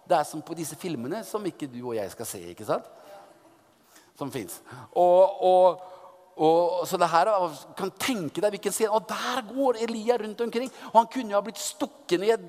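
Man, preacher, lively teasing storyteller, restarts often, slightly high voice, reverberant hall. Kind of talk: sermon retelling a Bible story.

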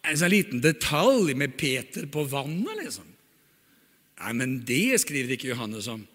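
Guy preaching in a big echoey church hall, high bright voice, acts out the stories. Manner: animated, acts out the dialogue he retells; chatty, often asks the audience "right?". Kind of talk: sermon.

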